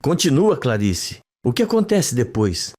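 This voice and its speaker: A man reading the lines of a doctor who guides a patient through hypnosis in a soft, calm, encouraging voice, for a soap opera recap. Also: medium pitch, a little slow. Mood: soothing. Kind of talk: read-aloud soap recap.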